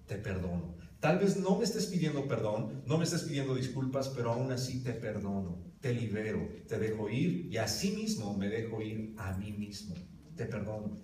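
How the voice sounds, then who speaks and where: A man's voice: fairly low pitch, very animated, moderate pace, dark tone. A man preaching a sermon to his congregation, emphatic, putting questions straight to his listeners. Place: church hall. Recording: roomy hall from a distance.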